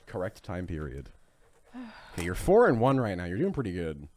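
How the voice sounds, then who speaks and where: A man's voice: low-pitched, huge pitch swings, moderate pace, a little mellow. A man co-hosting a casual podcast, joking around while reading out reviews as quiz questions. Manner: joking, playful, reads aloud with silly voices.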